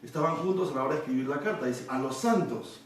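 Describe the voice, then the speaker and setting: A man's voice: a little high, quick pace, slight background noise. A man preaching a Bible study sermon, explaining verses and checking in with his listeners with frequent rhetorical questions. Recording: echoey room, voice from a distance.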